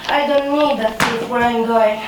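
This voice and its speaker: An actress playing a scheming maid who mocks and shouts theatrically on a stage, caught from a distance in an echoey theatre. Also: female voice, on the high side, steady tone, measured pace, close to an everyday voice. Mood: mocking. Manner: mocking, theatrical, with bursts of laughter and shouting. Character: a scheming maid, a grown woman, mocking and unhinged. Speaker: stage actor. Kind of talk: live stage acting. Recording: distant, echoey theatre recording with room noise.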